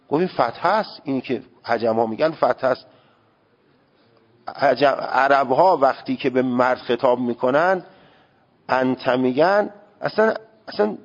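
A man teaching a seminary class on religious law, speaking emphatically and sounding out Arabic words to show how they should be said. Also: mid-range voice. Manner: emphatic, demonstrates Arabic pronunciation aloud. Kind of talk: religious law lecture to students. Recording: dull lo-fi recording with long hall reverb.

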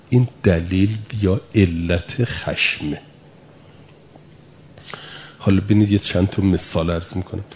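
Deep-voiced man teaching a patient lesson. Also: a little mellow, lo-fi sound, slight background noise. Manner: patient explaining with everyday examples and rhetorical questions. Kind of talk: spoken lesson.

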